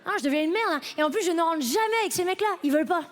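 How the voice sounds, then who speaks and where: A woman's voice: extremely high pitch, lively intonation, racing. A woman in her late twenties doing a stand-up comedy set on stage, chatty and self-mocking as she talks straight to the audience. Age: late 20s. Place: comedy festival stage before a live audience.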